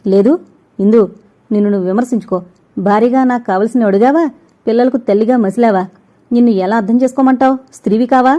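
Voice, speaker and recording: A woman's voice: a little high, fast, dark tone, close to an everyday voice. A woman reading a stern scolding husband. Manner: scolding, lecturing. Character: stern young husband, a doctor.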